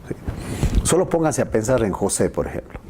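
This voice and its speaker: A man preaching a discipleship lesson as a pastor, animated and jumping into high voices to act out the people he quotes. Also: brisk, background noise.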